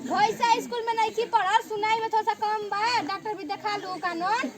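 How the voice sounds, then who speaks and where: A woman's voice: very high-pitched, flat delivery, far from the mic. A girl playing a muddled village bride. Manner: rustic dialect, slow and muddled. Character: naive village daughter-in-law, illiterate and hard of hearing. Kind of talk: school stage play. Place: outdoor school stage. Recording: loud crowd and noise, outdoor stage.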